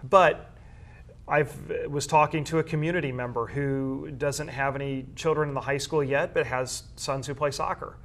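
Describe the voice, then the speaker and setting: A man appears as an interview guest, describing his job as a high school athletics media coordinator and broadcaster. He talks conversationally and often rephrases his points, with a mid-range voice and a fairly bright tone.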